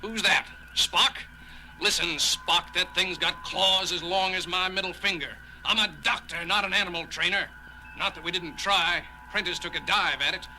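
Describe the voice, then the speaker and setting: An actor playing an irascible, sarcastic starship doctor, grumbling and excitable, in an audio drama. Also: male voice, sits high, moderate pace, a little hiss or hum, poor audio. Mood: defensive, irritated. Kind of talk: dramatic audio theater acting. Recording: music under the voice.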